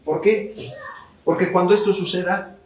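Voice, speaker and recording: A man leads a Torah study talk before a live audience, preaching, calling on listeners to answer and repeating phrases for emphasis. His high-sitting, darkish voice keeps a fairly even intonation and a moderate pace. He's far from the mic in an echoey room, with a little hiss or hum.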